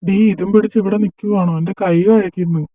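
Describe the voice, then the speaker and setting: A man's voice: high-pitched, fairly even intonation, fast talker, dark tone, dry recording, close to an everyday voice, poor audio. A young man voicing a teasing male college senior who banters and mock-scolds his friends in an amateur dubbed romance drama. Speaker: fan dub voice actor.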